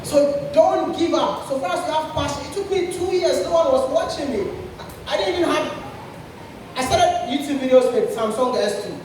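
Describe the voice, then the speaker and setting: A man giving a lively motivational talk to an audience, animated, repeating himself and laughing often. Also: extremely high pitch, moderate pace, background noise. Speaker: speaker at a creators' session. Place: indoor event room with audience. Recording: echoey event hall, from far off.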